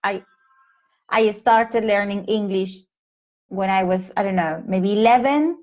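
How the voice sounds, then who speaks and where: A Peruvian woman in her thirties, with a Peruvian Spanish accent, chats casually with English teachers on a live stream from home through a laptop or phone mic. Her mid-range voice is a little mellow and measured in pace, and her speech is full of fillers and restarts.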